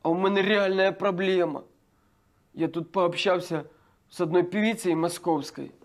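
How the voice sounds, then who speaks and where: A naive, dim-witted village pop star talks in a bewildered way and stumbles over his words. His voice is high for a man, with a rough, gravelly edge. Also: fairly even intonation, normal speed. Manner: bewildered, mixes Russian words into Ukrainian, stammers. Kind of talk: comedy sketch acting.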